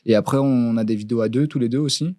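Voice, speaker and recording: The co-host's medium-pitched voice is dark and quick-paced as he chats casually on the podcast, stumbling through fillers and restarts. Everything is captured dry and close on a studio podcast mic.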